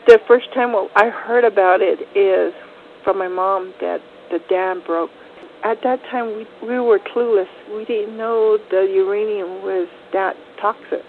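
A woman's voice: mid-range voice, fairly even intonation, measured pace. A middle-aged woman recounting a community event in a plain, matter-of-fact way. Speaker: community member interviewed. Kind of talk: personal recollection. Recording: tinny phone-like line with faint hiss.

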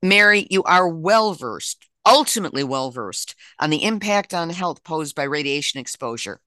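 A woman hosting an interview, asking measured, formal questions. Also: low voice, expressive, bright, forceful tone, no room sound. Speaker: interview host.

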